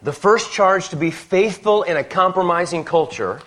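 Male preacher, slightly high voice, clipped emphatic phrases, waits on an interpreter between lines. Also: a bit bright. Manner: pauses phrase by phrase for translation, emphatic. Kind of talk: sermon with live interpreter.

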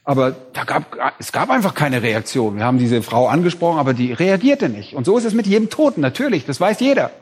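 A man's voice: a little high, big pitch swings, quick pace, hardly any pauses, breathy edge. A man preaching a sermon in an emphatic way, rising on key words. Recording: reverberant hall.

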